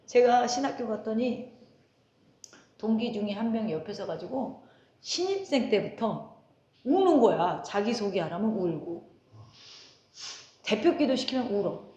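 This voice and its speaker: High-voiced woman pastor, echoey church. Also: lively intonation, unhurried, pauses often, mellow. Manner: conversational, asks the congregation questions, tells anecdotes with laughter. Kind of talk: sermon. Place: church sanctuary.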